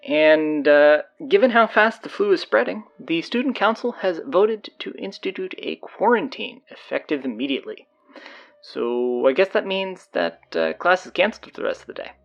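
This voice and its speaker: A man plays a flustered, sardonic substitute high school announcer who rambles hesitantly and casually through audio drama announcements. His voice is gravelly, and the recording has its highs cut off.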